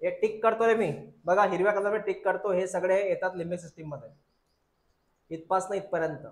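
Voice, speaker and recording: A man's voice: sits high, steady tone, a little fast, reverberant. A male biology teacher lectures a class, drilling students with repeated questions and calling them "beta".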